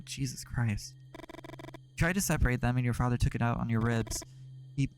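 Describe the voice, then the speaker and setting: A man's voice: medium pitch, vocal fry, low-quality recording. A man streaming a narrative game, reading its text aloud and breaking off for sarcastic, profane asides.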